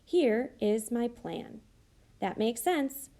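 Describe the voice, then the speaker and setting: A woman teacher slowly modeling how to write sentences for young children, thinking aloud and sounding out each word. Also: a little high, animated, warm tone. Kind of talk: slow modeled writing demonstration.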